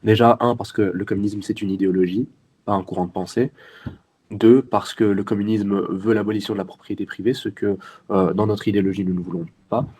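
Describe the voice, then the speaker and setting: Earnest young Belgian man, dark voice. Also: fairly low pitch, fairly even intonation, a little fast, husky. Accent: Belgian French. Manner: earnest, explanatory, many fillers and restarts. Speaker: guest, youth party section president. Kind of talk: interview answers.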